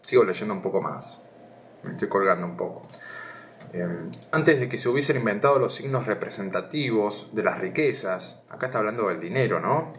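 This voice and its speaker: His lowish voice is animated and fairly bright, delivered at normal speed, with slight hiss or hum underneath. An Argentine man with a Rioplatense accent, he reads philosophy on a live stream and chats with viewers, thinking aloud amid frequent hesitations.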